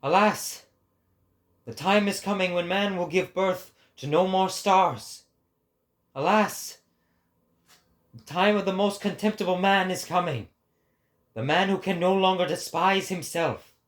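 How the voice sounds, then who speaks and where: A man performs the part of a lofty male prophet giving a philosophical oration, his fairly high, slightly bright voice moving very slowly. Each phrase is weighed out with grave, sorrowful, declamatory weight, carrying the mood of a solemn warning.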